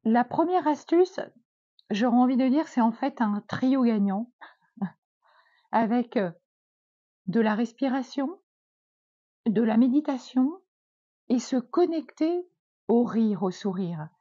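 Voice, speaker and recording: A woman giving a gentle, encouraging self-help talk as a wellness coach, with many hesitant fillers. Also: on the high side, expressive, slow pace, pauses often, no room sound, highs cut off.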